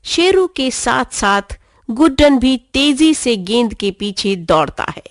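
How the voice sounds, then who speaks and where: A woman narrating a children's story in an expressive, clear way. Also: fairly high pitch, slow pace, no room sound, studio quality.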